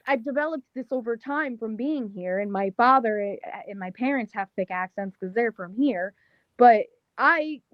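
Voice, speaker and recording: A woman's voice: fairly high pitch, no echo, muffled recording. A young woman with a thick Long Island accent, a pro wrestler chatting casually in an interview, full of "like" and "um". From Las Vegas, Nevada. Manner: casual, slangy, lots of "like" and "um".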